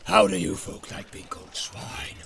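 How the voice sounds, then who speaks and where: A man voicing a sly, evil male orc messenger who speaks in a soft, sneering half-whisper. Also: normal speed, a little hiss or hum, natural voice.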